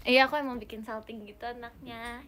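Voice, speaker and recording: A woman's voice: a little high, steady tone, fairly quick, a bit bright, slight background noise. A young woman hosting a casual phone livestream, bubbly and giggly as she chats and thanks fans for their comments. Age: young adult. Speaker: idol livestreamer. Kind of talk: casual livestream chat, reading fan comments. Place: indoor room.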